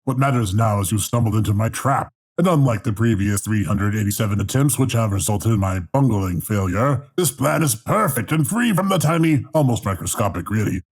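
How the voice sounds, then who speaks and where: Man doing a gravelly, pompous bungling supervillain. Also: on the low side, full character voice. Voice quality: gravelly, raspy. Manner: pompous, theatrical. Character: bungling male mad-scientist villain, pompous and short-tempered.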